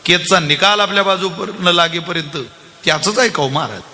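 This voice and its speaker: A man's voice: high-pitched, fairly quick. A man preaching a devotional kirtan sermon, telling a story and quizzing his audience. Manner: animated storyteller, acts out characters and questions the audience.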